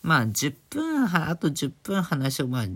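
A man hosting his own casual talk show, speaking quietly for a late-night recording, chatty, with many fillers and giggles, recorded indoors on a phone. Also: fairly high pitch, huge pitch swings, unhurried, breathy edge. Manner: hushed, holding back volume for a late recording. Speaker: podcast host. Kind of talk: casual solo radio talk.

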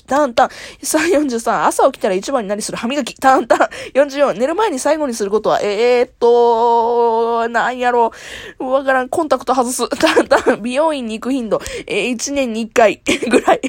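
A woman's voice: on the high side, moderate pace, no room sound, studio quality. A young woman with a Kansai accent, talking frankly and laughing often as she introduces herself in a solo talk show. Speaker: radio talk host.

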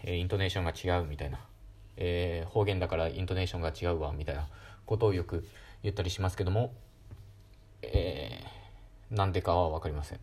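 Brief: low-pitched male host, calm lecture talk with lively pitch swings, lots of fillers. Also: husky. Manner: calm, explanatory, with frequent fillers. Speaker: podcast host. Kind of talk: solo educational talk.

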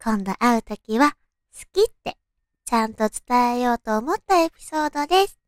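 A woman radio host with a naturally cute, high anime-girl voice, talking sweetly to listeners and reading out stories in a girlish way. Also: expressive, moderate pace, no room sound, clean studio sound. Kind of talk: soft-hearted radio talk and read-out listener love stories.

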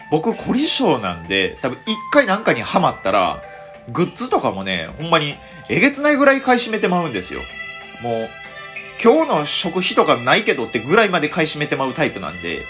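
A man with a Kansai accent, a comedian hosting a casual solo podcast, telling stories in an excitable, self-mocking way. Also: mid-range voice.

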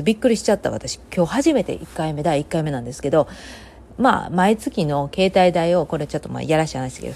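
A woman's voice: lowish voice, dark tone. A woman with a Kansai accent, hosting a casual solo talk segment, rambling and giving her opinions freely with many fillers. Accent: Kansai Japanese.

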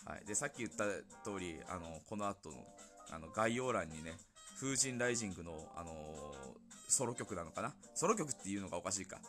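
Excited young man gushing about his favorite band. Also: low-pitched, a little fast. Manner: excited fan gushing, lots of fillers. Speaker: podcast host. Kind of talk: casual solo talk about games and music. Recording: faint music behind.

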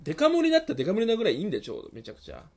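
A man co-hosting a casual talk show, firing off brash, mock-indignant retorts in quick banter, just back from a cold. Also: sits high, huge pitch swings, creaky, a little mellow. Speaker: podcast co-host.

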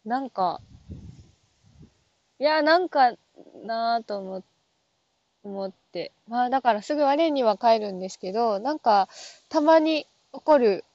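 A woman with a high voice muses alone in a loose, rambling monologue, trailing off into fillers and asking herself questions out loud. The sound is dry and close, a little dull, like a phone recording. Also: animated, a little slow, pauses often, dry recording. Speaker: app talk show host. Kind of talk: casual solo monologue.

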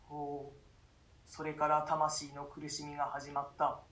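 For a radio drama of a classic stage play, a voice actor portrays a grave imprisoned duke fearfully recounting a nightmare in archaic, solemn tones with frightened gasps. His mid-range, slightly bright voice is completely flat, measured and only lightly acted. The rough recording has an echoey room sound.

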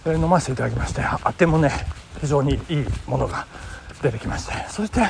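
Fast-talking and creaky, on the high side, an amateur rakugo performer hosts his own casual solo podcast. He spins a story in a polite, chatty way full of fillers, and the background is noisy.

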